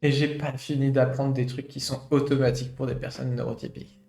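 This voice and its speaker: With a gravelly, darkish mid-range voice, a late-twenties man reads a study aloud on stream in a flat, brisk delivery. He mixes in his own reflective commentary, full of fillers. The room is echoey, and faint guitar music plays.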